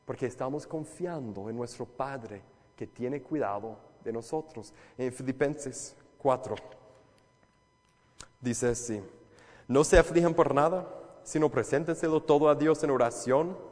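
A man preaching a conversational sermon as a pastor, asking listeners direct questions and dropping from loud emphasis to hushed, soft lines. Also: medium pitch, measured pace, soft background music. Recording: long reverb of a large hall.

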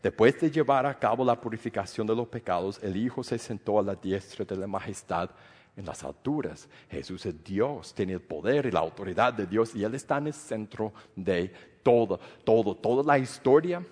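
A man's voice: lowish voice, animated, moderate pace, darkish tone, slightly rough, in a large hall. A man preaching a sermon as pastor, earnest and full of rhetorical questions.

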